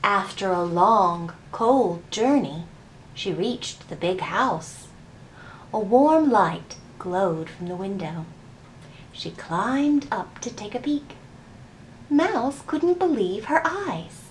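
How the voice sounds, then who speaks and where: Slow and expressive, this woman speaks in a mid-range voice. She's a library storytime host for children who reads picture books and gives instructions in a sing-song, questioning manner, and the recording is roomy with a distant mic and faint background noise.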